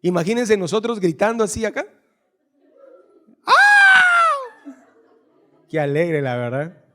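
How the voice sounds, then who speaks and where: A man with a Guatemalan Spanish accent preaching a sermon as pastor in a church, reading scripture lists slowly and joking with the congregation. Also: high voice, lively intonation, a little mellow, slight background noise. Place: church hall.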